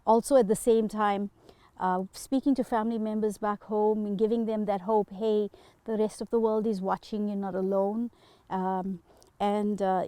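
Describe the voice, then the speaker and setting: A woman's voice: mid-range voice, a little mellow, dry recording. Earnest South African woman, dry sound. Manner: earnest, halting with many fillers. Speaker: guest. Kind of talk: interview. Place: home.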